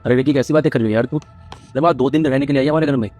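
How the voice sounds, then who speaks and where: A man's voice: medium pitch, very fast, darkish tone, faint music behind, close to an everyday voice. A man playing a tired son caught between his mother and his wife, exasperated and pleading. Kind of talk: Hindi family drama acting.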